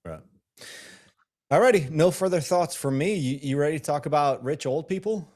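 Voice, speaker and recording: A man's voice: a little high, normal speed, darkish tone. A man from Scotland co-hosting a podcast, asking questions in a casual, self-deprecating way. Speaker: podcast co-host. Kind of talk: casual chat.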